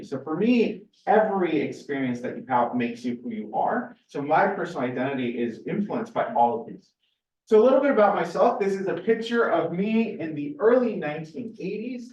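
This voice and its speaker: A Californian research scientist in his forties gives a seminar as an informal, personal lecture, speaking conversationally and often correcting himself. His voice is fairly high and a little mellow, and the recording is roomy, distant, and muffled.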